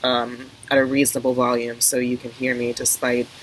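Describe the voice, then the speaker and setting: A woman's voice: rumbling low, completely flat delivery, normal speed, poor audio. Rambling woman vlogging outdoors in a windy garden. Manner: hesitant, rambling, self-interrupting. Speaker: tarot video creator. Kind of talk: casual rambly vlog talk to viewers. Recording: windy outdoor garden recording, faint noise. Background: wind and outdoor ambience.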